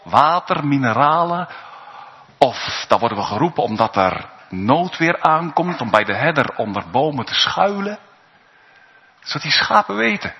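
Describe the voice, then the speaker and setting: A man preaching a sermon in a church, slow and emphatic, with pauses and rising calls. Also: medium pitch. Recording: dull recording in a reverberant church.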